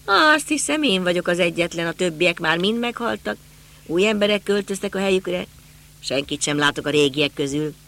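Brief: elderly male neighbor, hesitant and reminiscing, read by a male narrator; lively pitch. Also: full character voice. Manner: rambling, reminiscing.

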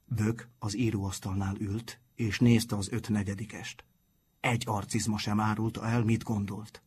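A man narrating a storybook in a steady, scripted reading. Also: fairly low pitch, slight background noise. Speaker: audiobook narrator.

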